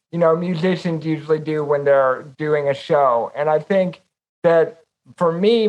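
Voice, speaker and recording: A man's voice: fairly high pitch, muffled recording. A man co-hosting a podcast, talking in a reflective, rambling way about how he makes music. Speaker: podcast co-host. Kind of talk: casual conversation.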